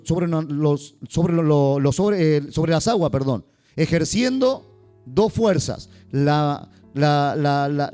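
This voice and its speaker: Male pastor, warm lively sermon delivery, faint guitar underneath. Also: a little high. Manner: lively, joking asides to the congregation.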